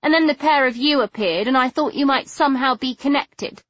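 A woman's voice: high voice, fairly quick, fairly bright tone, no echo, muffled recording, pitched above the performer's own voice. A woman reading an audiobook, voicing a sulky, stubborn young woman who sounds plaintive and scornful. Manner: petulant, spitting, insistent.

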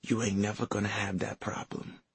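A man voicing a frail, dying grandmother who speaks softly and tenderly through pain. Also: lowish voice, level tone, moderate pace, no room sound, exaggerated voice. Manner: soft, breathy, pained.

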